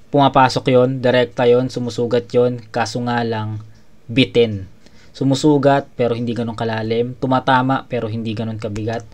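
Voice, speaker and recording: A man reviewing a rap battle in a casual commentary, swearing freely and often restarting his sentences. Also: mid-range voice. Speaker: battle judge reviewing a match.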